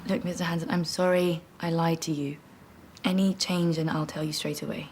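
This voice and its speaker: A woman's voice: deep voice, fairly even intonation, moderate pace, a little mellow, a little hiss or hum, close to an everyday voice. A woman playing a determined junior doctor in a TV hospital drama, pleading her case in an earnest, insistent way. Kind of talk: scripted TV drama dialogue.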